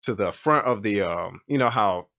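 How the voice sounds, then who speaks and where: A man's voice: fairly low pitch, animated, moderate pace, a bit bright. A man telling a personal story in casual chat, rambling and emotional, with many restarts and fillers. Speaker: podcast guest.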